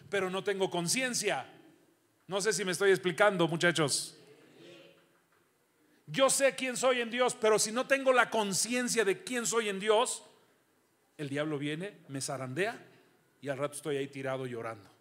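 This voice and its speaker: A high-pitched middle-aged man preaches a sermon in a church. He fires rhetorical questions at the congregation, then drops to low, confiding asides. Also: a little slow, fairly bright tone. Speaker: pastor.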